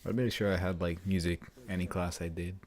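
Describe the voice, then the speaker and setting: A man's voice: low voice, level tone, fairly quick, a little mellow, slight background noise. A young man hosting a casual podcast chat, joking and laughing often. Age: young adult. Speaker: podcast host.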